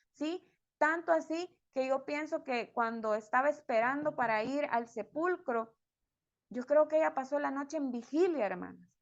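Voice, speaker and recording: High-voiced woman preaching a sermon. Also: highs cut off. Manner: reads scripture then preaches directly to the women, asking ¿sí? often. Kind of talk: sermon to a women's service.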